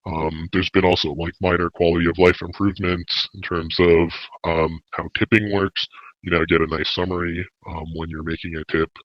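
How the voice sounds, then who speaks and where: Male developer guest, voice run through a low pitch-shifting changer; steady, filler-heavy explaining, muffled dry recording. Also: normal speed, dry recording. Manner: even, steady explaining with many filler uhs. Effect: deep pitch-shifting voice changer. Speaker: lead developer guest on a podcast. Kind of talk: casual podcast update.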